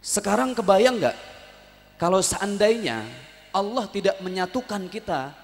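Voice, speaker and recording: A Jakarta-born man preaching with a slightly high voice, animated and humorous. He keeps calling on the congregation to answer him back. The long reverb of a prayer hall trails behind his words. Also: unhurried. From Betawi, Jakarta. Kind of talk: lively religious sermon with call-and-response. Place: prayer hall at an evening gathering.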